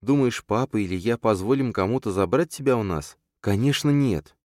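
A tender mother soothing her frightened child in a storybook reading, as a man reads her lines. She sounds low, gentle and lilting. The sound is dry and close. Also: lively intonation, normal speed, no echo, natural voice. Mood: reassuring. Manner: tender and reassuring.

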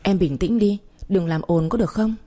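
A woman voicing a brusque young husband trying to calm his wife, in a dark breathy storybook reading. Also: mid-range voice, normal speed, close to an everyday voice. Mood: urgent.

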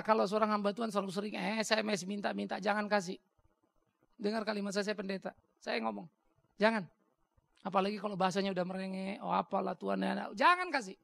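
Male pastor, raspy, rapid and animated, blunt in his sermon answers. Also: dry recording. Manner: blunt, animated storytelling, jumps high for quoted voices.

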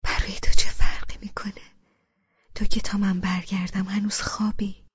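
A woman voicing a gentle, teasing young husband in an audiobook, calm and reasoning, in a dull lo-fi recording. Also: lowish voice, slightly rough, long reverb tail. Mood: soft whisper. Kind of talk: audiobook character reading.

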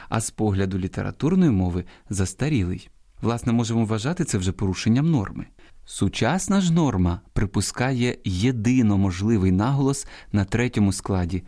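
A man presenting a scripted radio program on language, slowly and deliberately pronouncing example words. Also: on the low side, mellow.

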